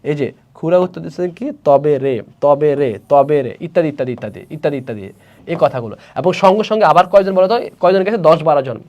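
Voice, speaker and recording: A man with a Bangladeshi Bengali accent teaches a literature class, his voice sitting a little high. He reads lines from a story aloud, then breaks them down in plain, casual speech and puts questions to his students. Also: lively intonation, fast, muffled recording.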